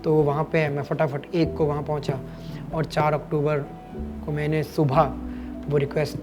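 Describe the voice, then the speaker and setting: A man in his late thirties from Haryana, speaking in a notably high register as an interview guest. He tells his stories in a lively, anecdotal way and slips into other people's voices. Soft music plays faintly underneath. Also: normal speed. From Kurukshetra, Haryana, India. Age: late 30s. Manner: animated anecdotal storytelling, acting out voices. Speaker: cricket commentator and guest. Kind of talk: podcast interview storytelling.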